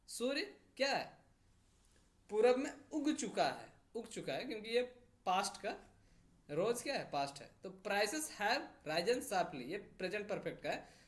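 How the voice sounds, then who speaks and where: A man teaching an English grammar lesson, explaining step by step, reading example sentences slowly and checking in after each point. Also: extremely high pitch.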